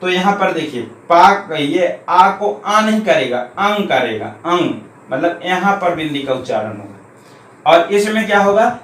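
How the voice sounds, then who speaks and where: A man with a slightly high voice teaches a grammar lesson, going through each point patiently and repeating key terms slowly. He is recorded in an echoey room with a faint hum behind him. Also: fairly bright tone.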